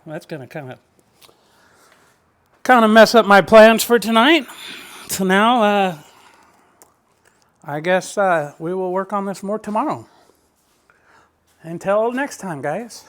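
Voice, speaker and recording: A man's voice: sits high, animated, slow pace, pauses often, fairly bright tone. A man in a home workshop, chatting in an easygoing, folksy way while he welds and explains his steps. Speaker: home welder and mechanic. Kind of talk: casual workshop how-to vlog.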